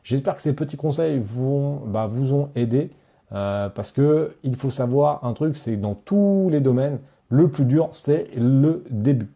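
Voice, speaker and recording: Here a man with a mid-range, creaky, warm voice speaks a little slowly while hosting a live Q&A about his online courses. He reads chat questions aloud and replies straight to viewers, stumbling through lots of fillers and restarts.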